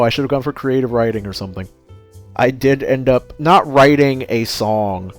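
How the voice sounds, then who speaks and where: A man talking casually in a rambling solo vlog, often correcting himself and breaking off mid-sentence. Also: medium pitch. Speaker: vlogger.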